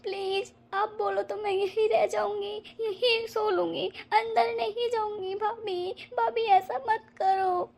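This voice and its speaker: A woman's voice: sits high, moderate pace, slight background noise, lightly acted. A woman voicing a young married woman in a cartoon, hurt and pleading. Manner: pleading, tearful. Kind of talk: cartoon voice acting.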